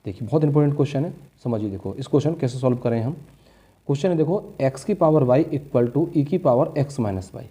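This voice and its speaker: A man's voice: medium pitch, animated, fairly quick, dark tone. A male maths teacher, working through board-exam problems step by step and answering his own questions. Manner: calls students "बच्चे" and "भाई".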